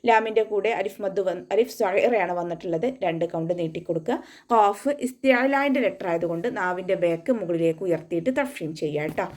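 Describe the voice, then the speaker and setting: A woman's voice: on the low side, a little mellow. A woman giving an online tajweed lesson, patiently explaining each rule step by step. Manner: patient step-by-step instruction, slow melodic Arabic recitation between explanations. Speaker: Quran recitation teacher.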